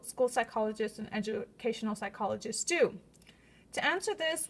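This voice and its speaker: Woman with braces and a slight lisp. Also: a little high. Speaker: psychology student presenting. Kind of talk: prepared spoken presentation, semi-scripted.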